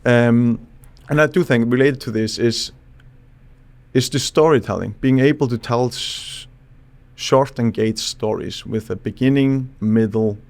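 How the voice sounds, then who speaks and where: A man from Iceland, a psychologist guest on a podcast, explaining in a thoughtful, halting way with frequent restarts. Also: mid-range voice, gravelly, a little mellow. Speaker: psychologist and charisma expert guest. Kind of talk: casual podcast interview.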